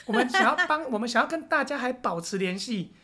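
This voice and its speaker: A woman's voice: fairly high pitch, expressive, quick pace, bright, forceful tone. A woman with a Taiwanese Mandarin accent, co-hosting a podcast in casual chat, blunt and teasing and swearing casually. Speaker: podcast co-host.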